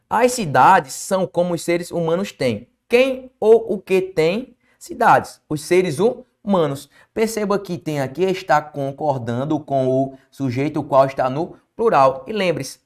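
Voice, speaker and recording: A man teaching a Brazilian Portuguese exam-prep lesson, emphatic, asking questions and answering them himself. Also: a little high. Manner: emphatic, asks and answers his own questions.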